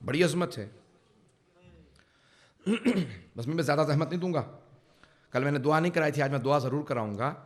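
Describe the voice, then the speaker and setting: Male cleric, fervent sermon storyteller, higher voice, builds to loud peaks. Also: animated. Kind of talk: emotional Urdu majlis sermon. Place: religious center hall.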